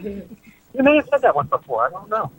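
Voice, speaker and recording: High, lively man calling in by phone. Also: moderate pace, a crowd in the background, rough recording. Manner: rambling, hesitant with restarts. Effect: phoning in over a cell phone. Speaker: calling-in co-host of another radio show. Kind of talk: casual radio call-in chat.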